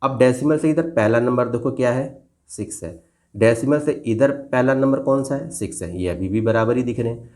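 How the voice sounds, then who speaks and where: A man's voice: mid-range voice, moderate pace, darkish tone. A man teaching a school math lesson, patiently addressing his pupils as children and checking they follow after each step. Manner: patient, addresses pupils as "beta" and checks "theek hai na" often. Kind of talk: classroom lesson explained at a board.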